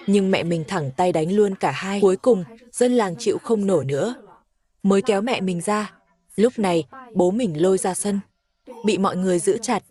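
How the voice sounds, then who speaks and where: A woman narrating the plot of a comedy cartoon in the first person, with steady, even storytelling. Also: mid-range voice. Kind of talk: scripted narration of a cartoon recap.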